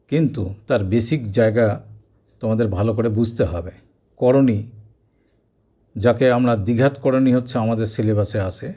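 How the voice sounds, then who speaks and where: A man's voice: mid-range voice, mellow. A man teaching a maths lesson to school students, explaining step by step and repeating key points. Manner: slow, step-by-step explaining with repetitions.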